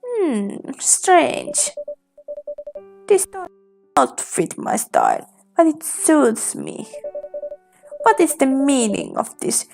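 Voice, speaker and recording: A woman's voice: high-pitched, huge pitch swings, extremely slow, creaky, long pauses, darkish tone, faint music behind, full character voice. A woman voicing a haughty elite society lady. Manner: curt and condescending.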